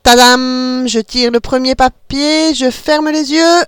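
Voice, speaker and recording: A woman voicing a cheerful young mother who leads her children in a pretend game, in a bright, sing-song manner. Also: high-pitched, unhurried, dry recording, clean studio sound, pitched above the performer's own voice. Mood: playful. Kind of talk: storybook reading.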